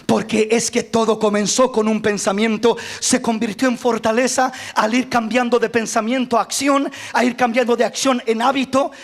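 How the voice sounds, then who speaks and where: High, gravelly-voiced male pastor preaching. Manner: impassioned preaching, rises to shouting on key lines. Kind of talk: sermon.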